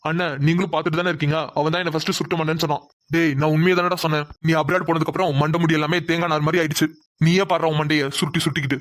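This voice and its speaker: A man's voice: on the high side, flat delivery, very fast, fairly bright tone, dry recording, lightly acted. A man voicing several middle-aged brothers in a cartoon, pleading and emotional as they ask their sister for forgiveness. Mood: bickering. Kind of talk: cartoon voice acting.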